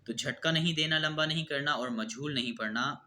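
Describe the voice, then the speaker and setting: A man with a Pakistani Urdu accent teaches a Quran reading lesson. He explains the rules step by step, then says each letter sound slowly and with stress. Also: fairly high pitch, pushed and bright, slight background noise. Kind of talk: children's Arabic alphabet lesson.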